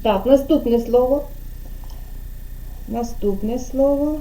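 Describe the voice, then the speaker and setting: A woman's voice: a little high, slow, warm tone, a little hiss or hum. A woman kindergarten teacher giving an online speech lesson to a child over a video call, patiently drawing out syllables and prompting.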